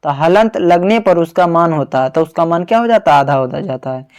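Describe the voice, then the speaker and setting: A man runs an exam-prep grammar lesson in a slightly high voice. He asks each question aloud, then answers it and repeats it for the student. He sounds out syllables and keeps ending with a reassuring "okay". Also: animated, moderate pace, smooth. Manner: calls the listener "babu", sounds out syllables. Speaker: teacher.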